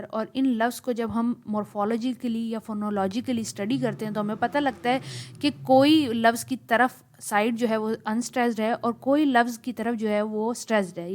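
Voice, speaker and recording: A woman's voice: fairly high pitch, darkish tone. A woman giving a lecture on poetry. She explains step by step and reads lines of verse with strongly marked stress. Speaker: literature teacher.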